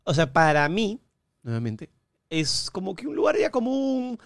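Hombre peruano burlón, entonación muy viva. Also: male voice, high voice, wildly swooping pitch, a little slow, no echo, studio quality. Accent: Peruvian Spanish. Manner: teasing, jokey interjections with slang. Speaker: podcast co-host. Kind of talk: casual chat.

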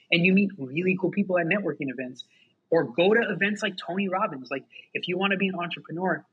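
A man talking as a podcast guest, energetic and quick to get hyped, leaning hard on "like" as he gives motivational advice in casual chat. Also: a little high, slightly rough. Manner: energetic, fast, heavy use of "like". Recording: dull lo-fi sound.

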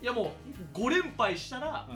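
A man hosting a casual group discussion in a playful, excitable way, often repeating phrases for emphasis. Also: extremely high pitch, moderate pace, soft background music. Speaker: host leading a planning discussion.

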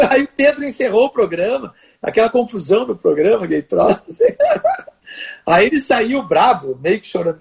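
This older interview guest has a high, somewhat mellow, husky voice with vocal fry. He tells stories conversationally, restarting often and using plenty of fillers.

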